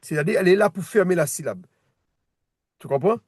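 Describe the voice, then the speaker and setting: Patient man tutoring, slightly high voice. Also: expressive, brisk, a little mellow, husky, no echo. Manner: patient, repeats words, many restarts. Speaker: Hebrew teacher. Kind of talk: one-on-one reading lesson.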